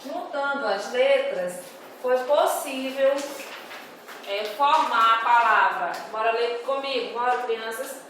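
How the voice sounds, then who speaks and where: Slow, patient teacher in an echoey room. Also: female voice, a little high, a bit bright. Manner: slow, patient, reads words out syllable by syllable for young pupils. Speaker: primary school teacher. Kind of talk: recorded homework correction for children. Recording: very echoey room, voice far from the mic, faint noise.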